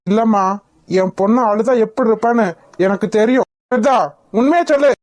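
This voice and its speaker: A woman gives voice to a young father in a cartoon who dotes on his daughter and threatens anyone who makes her cry. The voice is pitched high. It is recorded close and dry. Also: a little fast, darkish tone, no echo, natural voice. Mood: protective. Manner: threatening, doting. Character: doting young father, protective and stern.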